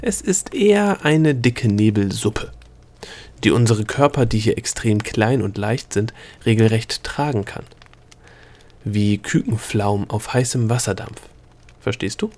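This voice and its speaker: A man voicing a snappish, lecturing male gnome guide in an audiobook reading, brisk and curt. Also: fairly low pitch, lively intonation, darkish tone.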